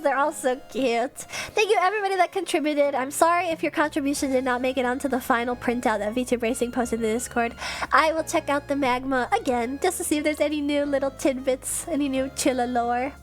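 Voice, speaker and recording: Giggly streamer girl, stuffed up nose, high voice, bit of music in the back. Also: brisk. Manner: giggly, chatty, reads out fan messages. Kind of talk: casual live-stream chat.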